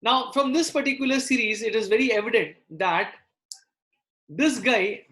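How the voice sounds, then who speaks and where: A man's voice: very high voice, moderate pace, sharp tone. A man teaching a live online maths lesson, explaining step by step and checking in with questions. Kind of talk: live online lesson, working through problems aloud. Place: indoor room, live online class.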